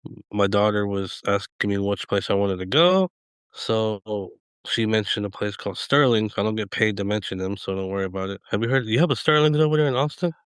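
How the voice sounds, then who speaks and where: Laid-back low-voiced podcast host. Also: male voice, fairly quick, clean tone, no echo, studio quality. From Eastern Washington. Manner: laid-back, chuckles often, rambling. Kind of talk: casual chat.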